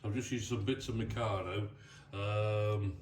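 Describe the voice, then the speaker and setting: An English man who restores vintage arcade machines shows his work hands-on, explaining it in a colloquial, matter-of-fact way. He speaks unhurriedly in a lowish voice with fairly even intonation, picked up by a roomy, distant mic with clear background noise.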